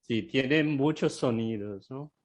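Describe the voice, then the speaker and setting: Slow-talking man, hesitant. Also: mid-range voice, dull audio. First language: Portuguese. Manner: unhurried, hesitant, adds frequent tag questions. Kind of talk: casual explanatory chat.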